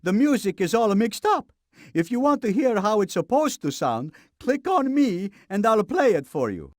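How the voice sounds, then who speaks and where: An actor voicing a calm, patient talking Beethoven helper in an educational game. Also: mid-range voice, moderate pace, close to an everyday voice. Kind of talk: 1990s educational game voice acting.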